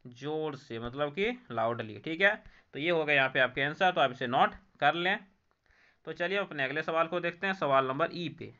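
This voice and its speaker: A man with an Indian accent teaches from an English textbook, reading each line aloud, explaining it in Hindi, and repeating each answer word. His fairly high, sharp voice is animated and moderately paced, on lo-fi audio.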